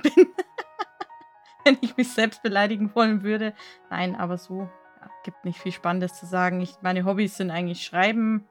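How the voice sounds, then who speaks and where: A woman from Bavaria with a light Bavarian accent, co-hosting a casual podcast chat and poking fun at herself. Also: mid-range voice. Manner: self-mocking, laughs at herself. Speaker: podcast co-host.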